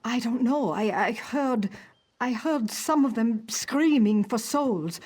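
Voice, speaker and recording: A woman's voice: fairly high pitch, expressive, slow pace, a little mellow, slightly rough, exaggerated voice. An actress voicing a worried, grieving farm wife and mother in a fantasy video game, earnest and pleading.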